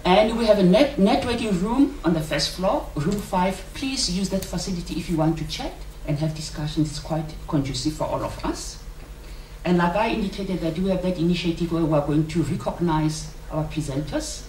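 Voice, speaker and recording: This South African woman, whose first language is South Sotho, has a lowish, somewhat dark voice and talks at a moderate pace. As a conference organiser in an indoor venue, she gives delegates welcome and housekeeping announcements in a jokey, colloquial way, addressing them as colleagues. The recording sounds roomy, with a distant microphone and clearly audible background noise.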